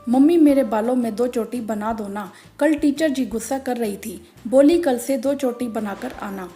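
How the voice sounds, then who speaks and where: Brief: a woman as an insistent little girl in a storybook reading, high and mellow. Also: moderate pace, faint music behind, natural voice. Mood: pleading. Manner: pleading, insistent. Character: pleading schoolgirl daughter, small child.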